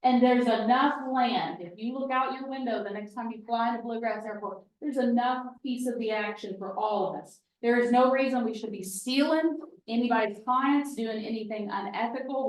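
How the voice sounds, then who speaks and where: A woman giving a lively real estate training talk to a room, folksy and emphatic, with chatty asides. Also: on the high side, normal speed, few pauses, far from the mic. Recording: roomy, from off the mic.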